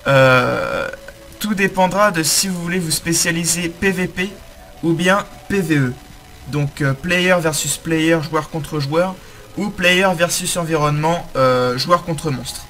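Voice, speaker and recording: A young man giving a game tutorial commentary, halting often with fillers and correcting himself as he explains the screen. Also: fairly high pitch, a bit bright. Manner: hesitant, many fillers and self-corrections. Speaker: game guide host.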